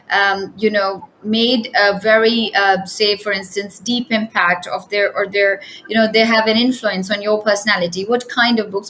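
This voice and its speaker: A woman's voice: medium pitch, a bit bright, poor audio. A young woman hosts an online interview and speaks with eager enthusiasm. She fills her talk with ums and restarts as she builds her questions. A faint hiss of noise sits behind her voice. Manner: enthusiastic, many fillers and restarts. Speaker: host.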